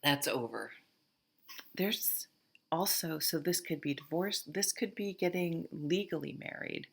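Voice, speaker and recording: Low, gravelly woman with a Vermont accent. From Vermont, USA. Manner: halting, rambling, thinking aloud. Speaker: tarot reader, host. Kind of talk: casual, unscripted tarot reading to camera.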